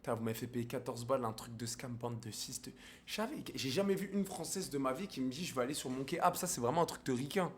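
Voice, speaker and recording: A man's voice: medium pitch, lively intonation, fast talker. A man with a French accent streaming casually, crude and joking, mixing in English and Spanish. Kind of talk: casual live-stream chat.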